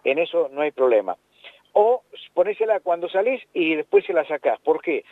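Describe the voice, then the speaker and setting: A man's voice: fairly high pitch, big pitch swings, moderate pace, dry recording. A man with a Rioplatense Spanish accent, a veterinarian explaining pet care in a casual radio chat, often repeating his words. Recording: tinny phone line.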